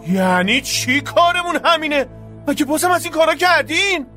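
A man doing a bright, sly, angry hero. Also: sits high, big pitch swings, faint music behind, voice pushed up, full character voice. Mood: interrogating. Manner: forceful, mocking, interrogating. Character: tough young male hero, angry and sly. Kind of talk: audiobook storytelling.

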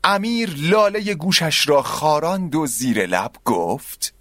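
A male narrator reading a scripted story in a radio drama, his voice fairly high and lively in pitch. The recording is dry and close, with no room sound. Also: dry recording.

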